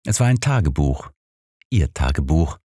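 A man narrating an audiobook in a steady voice. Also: a bass voice, normal speed, breathy edge, dry recording, studio quality. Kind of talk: scripted narration.

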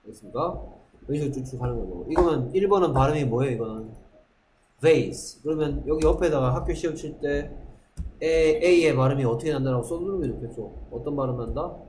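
A man's voice: mid-range voice, expressive, fairly quick, a little mellow, slight background noise. Man, middle-aged teacher, classroom lecture, repeats words, quizzes students, echoey room, faint ambience. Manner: repeats words, asks rhetorical questions. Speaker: middle school English teacher.

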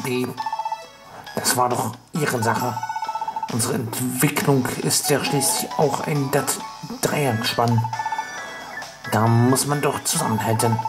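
Guy doing little beeping magnet robots, polite and soft, game music loud behind. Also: medium pitch, lightly acted.

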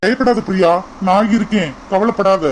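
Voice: mid-range voice, moderate pace, very noisy, close to an everyday voice. A voice actor playing an earnest young man coaxing his sweetheart in a cartoon. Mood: earnest pleading. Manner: coaxing, keeps repeating her name. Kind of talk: cartoon voice acting.

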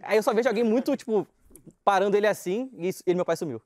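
Casting: young Rio man, high voice, quick slangy storyteller, laughs through his lines, dry close sound. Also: dry recording. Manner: animated slangy storytelling, laughing while talking. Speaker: guest storyteller. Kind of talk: casual anecdote on a talk show.

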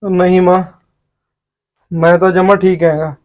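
A man's voice: high-pitched, level tone, measured pace. An actor playing a young adult son, speaking earnestly and with tearful regret to his mother. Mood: surprised. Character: remorseful grown son.

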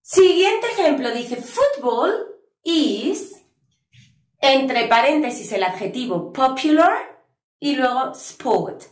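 Lively patient woman teaching in an echoey room. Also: high voice. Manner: patient, spells out letters and repeats examples slowly. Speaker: English teacher. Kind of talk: video lesson explaining grammar.

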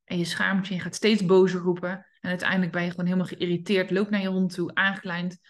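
A woman hosting a solo podcast as a dog trainer, talking lively and acting out how owners call their dogs. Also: lowish voice, quick pace. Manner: lively, acts out calling her dog in quoted voices.

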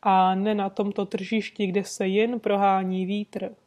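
A woman reading an audiobook, voicing a composed, courteous gentleman detective who speaks calmly and sweetly insists. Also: medium pitch, close to an everyday voice. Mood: suave. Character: composed, suave gentleman detective, adult man.

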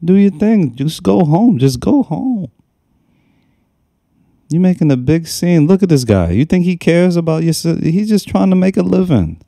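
A young man with a very dark, mellow voice gives casual reaction commentary, mocking and exasperated and saying the same thing again and again. He speaks into a desk microphone in a small room, and the sound is dry and close. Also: sits high, animated, normal speed, vocal fry, no echo. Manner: mocking, exasperated, repeats himself. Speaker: reaction video host. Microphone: desk microphone on a stand.

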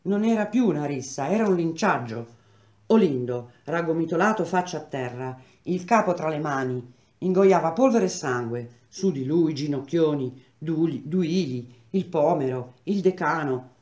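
A woman's voice: deep voice, expressive, normal speed, a little mellow, highs cut off. Woman reading a novel aloud, roomy echo. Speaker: reader.

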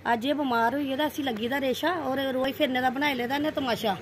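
A woman's voice: high-pitched, steady tone, a little fast, noisy background. A middle-aged woman from Jammu, the vlogger's mother, teasing her son in a bossy, laughing way. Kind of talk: casual vlog intro.

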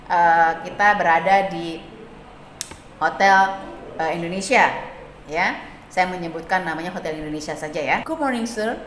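A woman's voice: lowish voice, fairly bright tone. A woman teaching a hospitality lesson, explaining step by step with frequent hesitation fillers and acting out sample phone greetings. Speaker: hospitality instructor. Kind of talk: classroom lecture. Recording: echoey room with faint noise.

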